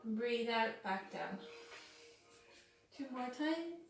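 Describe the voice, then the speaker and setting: A woman guides a yoga class with calm, soothing instructions in a fairly high voice. She speaks very slowly and sounds distant from the mic in a very echoey room. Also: creaky, faint music behind.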